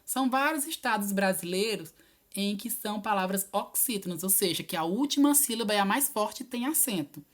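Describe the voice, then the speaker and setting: A woman's voice: mid-range voice, expressive. Patient woman teaching a lesson. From Piauí, Brazil. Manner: patient, encouraging, spells out each answer slowly. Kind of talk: video lesson correcting homework.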